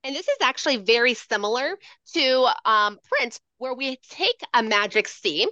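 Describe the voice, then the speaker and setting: Brief: bright, animated woman teaching. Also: on the high side, normal speed, dry recording, muffled recording. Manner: playful, animated teacher voice with sing-song stroke calls. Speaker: educator demonstrating handwriting. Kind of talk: lively teaching demonstration over video call. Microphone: video call.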